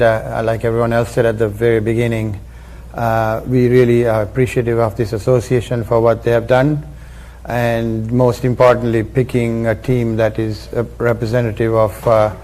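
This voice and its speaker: A man speaks at a press conference in a measured, reflective way, with many pauses and fillers. His mid-range voice stays flat and even throughout. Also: medium pitch. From Sri Lanka. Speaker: former international cricketer.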